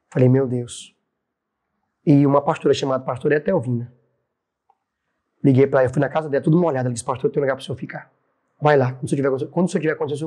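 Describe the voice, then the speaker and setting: A man who is a pastor, telling a lively testimony story in a faith podcast interview, with a Brazilian Portuguese accent. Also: medium pitch, slightly rough. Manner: lively storyteller acting out quoted voices. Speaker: pastor and church president, podcast guest.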